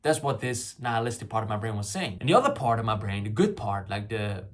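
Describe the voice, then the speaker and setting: A young male YouTuber, a native Farsi speaker, rambles through a reflective solo vlog full of fillers and restarts. His voice is fairly low, very animated and fast, while loud fireworks and clicks sound in the background.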